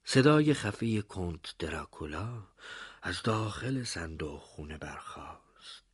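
A man narrating a story in a hushed, theatrical way, often dropping to a breathy whisper. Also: low-pitched, lively intonation, no room sound, clean studio sound.

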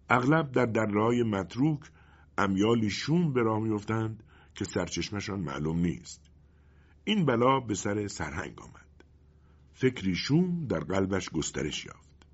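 A man narrating an audiobook story with expressive, dramatic storytelling. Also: on the low side, husky. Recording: dull lo-fi recording.

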